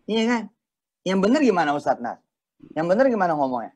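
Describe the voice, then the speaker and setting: A man's voice: on the high side, very animated, quick pace, a little mellow, slightly rough. A man, a preacher giving a casual, joking religious talk in slangy speech.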